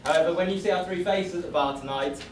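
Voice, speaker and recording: A man's voice: high voice, quick pace. A man giving a scripted wedding toast as best man, joking in a self-deprecating way. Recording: echoey room, distant mic, noisy venue.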